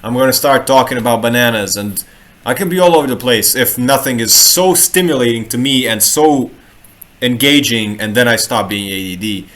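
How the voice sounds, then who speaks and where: Here the Croatian human design reader and street artist speaks at a medium pitch with a fairly bright tone. It's a casual live talk from his home room in Sweden, loose and rambling, full of restarted words and playful asides.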